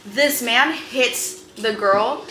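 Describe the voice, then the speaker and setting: A woman tells a friend a long, meandering story, leaning on "like" at every turn. Her voice is a touch high and sharply bright. The room echoes noticeably around her. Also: drawn-out words, a little hiss or hum. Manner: rambling, filler-heavy, lots of "like". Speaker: vlogger explaining internet drama to a friend. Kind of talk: casual storytelling chat. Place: a bedroom. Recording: roomy echo.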